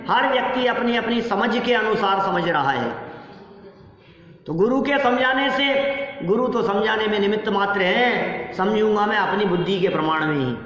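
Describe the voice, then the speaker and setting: A man's voice: sits high, fairly bright tone. A man giving a religious scripture discourse, often asking rhetorical questions and speaking straight to his listeners. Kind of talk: devotional discourse to an audience. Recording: echoey hall, dull lo-fi sound.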